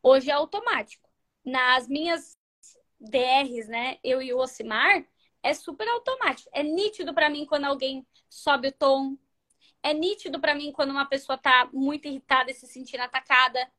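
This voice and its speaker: A Brazilian woman in her thirties talks to her live-stream viewers about relationships in a high, bright voice. She is animated and chatty, acting out little dialogues and sometimes sinking to a near-whisper for emphasis. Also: moderate pace. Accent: Brazilian Portuguese. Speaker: live-stream host giving relationship advice. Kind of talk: casual advice talk to viewers.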